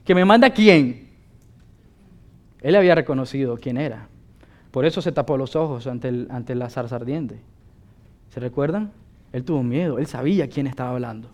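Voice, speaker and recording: A man's voice: medium pitch, a little fast, mellow. A male pastor preaching a sermon with emphatic delivery, often asking his listeners rhetorical questions.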